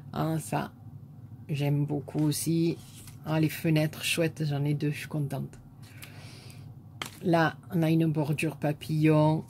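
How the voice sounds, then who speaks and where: A woman with a southern French accent, a scrapbooking vlogger softly admiring crafts one by one in a casual show-and-tell chat. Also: deep voice, vocal fry, a little hiss or hum.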